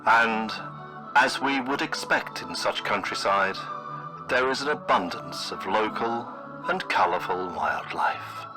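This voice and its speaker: A man narrating a scripted mock travelogue in the manner of an old newsreel, with formal, florid, deadpan delivery. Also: on the low side, slow pace, rough recording. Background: music.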